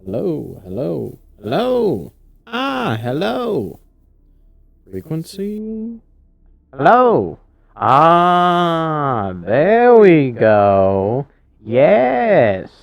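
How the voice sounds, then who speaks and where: A man's voice: huge pitch swings, extremely slow, gravelly, no room sound, faint music behind. Man on a morphing voice changer. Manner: repeating short test words. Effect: voice changer shifting his pitch up and down. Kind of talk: casual chat while testing a voice changer.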